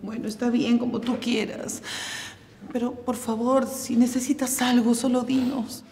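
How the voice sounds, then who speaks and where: A middle-aged actress playing a devoted godmother who soothes and coaxes, repeating herself to calm others. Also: a little high, a little slow, a little hiss or hum. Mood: coaxing. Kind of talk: telenovela acting.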